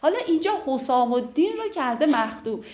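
A woman's voice: high-pitched, a little hiss or hum. Woman teaching and reciting classical poetry. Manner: slow, measured recitation of verse, lively conversational explanation. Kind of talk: explaining and reciting classical verse.

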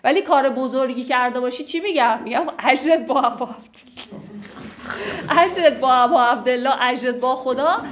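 A woman with a fairly high voice teaches classical poetry. She recites the verses slowly and with care, then explains them in an easy, conversational way. Her delivery moves between measured recitation and lively everyday talk.

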